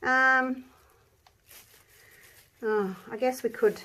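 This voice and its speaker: A woman's voice: high-pitched, steady tone, drawn-out words, pushed and bright, a little hiss or hum. An Australian woman giving a casual, chatty craft demonstration, thinking aloud, her voice slightly muffled by a mask over her mouth. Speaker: craft tutorial host. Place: indoor craft table.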